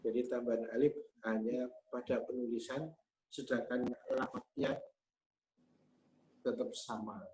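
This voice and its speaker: A man, teaching Arabic grammar patiently and methodically, pausing often on hesitation sounds. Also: mid-range voice, level tone, a little mellow. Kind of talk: explaining grammar in a class. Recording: slightly muffled with faint hum.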